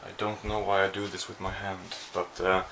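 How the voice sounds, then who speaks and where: This casual vlog comes from a young Swedish man in his small apartment, the handheld camera held at arm's length while he rambles and jokes at his own expense. His low-pitched voice is level and a bit bright at normal speed, with slight background noise.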